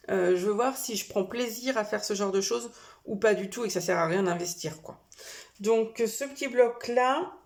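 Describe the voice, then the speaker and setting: A woman vlogger chats to camera about her purchases at a middle pitch, unhurried and relaxed. She pauses a lot, fills gaps and corrects herself as she goes.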